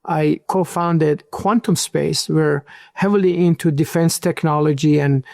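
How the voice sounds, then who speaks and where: Man in his 60s from iran, gravelly higher voice, earnest, dry close sound. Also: steady tone, a little slow, darkish tone, no room sound. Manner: earnest storytelling with small slips. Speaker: guest entrepreneur. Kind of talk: interview answers.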